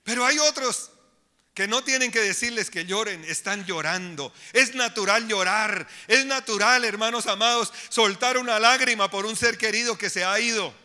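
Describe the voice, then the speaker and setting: A man's voice: sits high, normal speed, sharp tone, long reverb tail. A man preaching a sermon as pastor, with emphatic delivery, addressing the congregation directly in a church.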